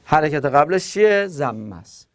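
A man's voice: fairly high pitch, very animated. A man teaching Arabic grammar in Persian, spelling words out syllable by syllable and adding playful asides. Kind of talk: classroom lesson.

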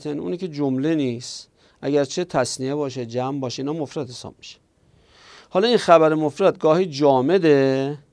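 A male teacher lectures on grammar in a rough, gravelly voice at a middling pitch. He lays out each rule step by step, poses questions to the class and answers them himself, and drags out the example phrases word by word. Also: a little mellow, no echo. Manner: explains step by step, slows on the quoted examples; asks and answers his own questions.

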